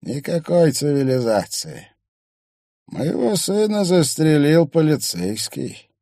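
A grieving old man in a spoken storybook, gentle and without any bitterness, as the male narrator puts him on. His voice sits higher than the narration and carries some push, and he talks slowly and mournfully. The sound is dry and close. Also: big pitch swings, no echo, exaggerated voice. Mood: sorrowful. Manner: slow, mournful, without hatred. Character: gentle old widowed man, sorrowful and kind.

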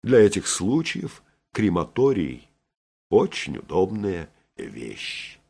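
A man's voice: sits low, sing-song, slow, vocal fry, warm tone, husky, full character voice. A man reading as a cold menacing surgeon. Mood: threatening. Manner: threatening, commanding. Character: cold menacing male surgeon, middle-aged.

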